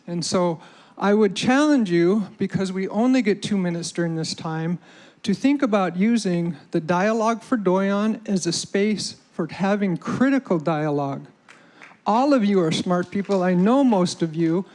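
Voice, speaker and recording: A man's voice: sits high, moderate pace, a little mellow. A man making a public comment at a shareholder meeting, urging and challenging the audience. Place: hotel meeting hall.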